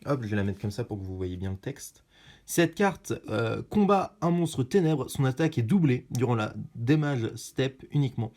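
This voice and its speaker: A man chatting casually while opening trading card packs, excitedly reading out card names and their effects. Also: mid-range voice, moderate pace. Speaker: card pack opener. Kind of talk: casual pack-opening chat.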